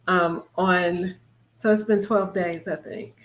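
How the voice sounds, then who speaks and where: A woman in her fifties co-hosting a casual talk show, a little out of breath, chatty and quick to laugh. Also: on the low side, steady tone. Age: 50s. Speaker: co-host.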